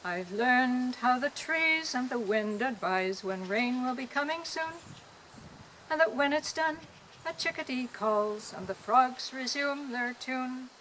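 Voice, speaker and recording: A woman poet reciting her poems to a small audience in an outdoor park, with a gentle, lilting delivery. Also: sits high, animated, slow, slight background noise, rough recording.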